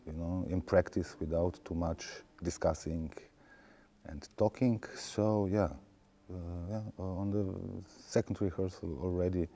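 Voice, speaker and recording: A man answering interview questions in English, haltingly and repeating words for emphasis. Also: low voice, fairly even intonation, warm tone. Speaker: theatre director being interviewed. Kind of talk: informal interview.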